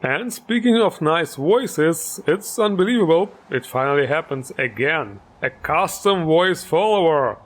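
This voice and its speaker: Man, game mod showcase host, upbeat, joking, fairly high voice, faint music behind. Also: expressive, unhurried, hardly any pauses.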